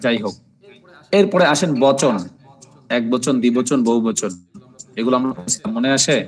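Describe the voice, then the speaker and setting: A man's voice: mid-range voice, animated, normal speed, slightly rough, poor audio. A man teaching Arabic grammar in an online class, repeating terms for drills and often checking with "ঠিক আছে?".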